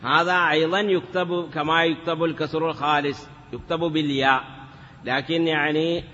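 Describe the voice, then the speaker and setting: A man's voice: fairly high pitch, steady tone, normal speed, sharp tone, in a large hall, muffled recording, slight background noise. A man teaching Arabic grammar in a patient classroom lecture, repeating examples and chanting some in a sing-song lilt.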